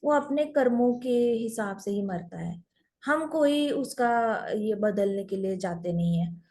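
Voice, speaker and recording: A woman playing a calm, authoritative male lord of death who patiently explains karma. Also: on the high side.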